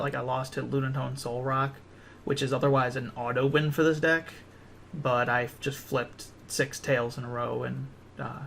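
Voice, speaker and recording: A man's voice: mid-range voice, creaky, a bit bright, slight background noise. A tired young man casually walking through a card game deck, rambling with many ums and restarts.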